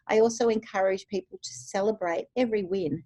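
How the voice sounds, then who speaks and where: A woman coach, interviewed over a video call, speaks at a middle pitch. She sounds earnest and encouraging and leans on "you know" as she talks. The sound is dry, with no room echo. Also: brisk, warm tone. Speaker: guest, success coach. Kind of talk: casual interview conversation.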